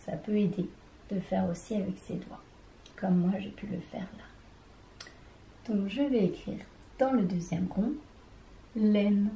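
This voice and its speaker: A woman teaches a children's reading lesson, talking straight to the child and sounding out each syllable. Her voice is warm and mellow, and her pace is very unhurried. The room has a noticeable echo. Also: medium pitch, creaky, slight background noise. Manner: slow, careful, syllable by syllable; addresses the child directly.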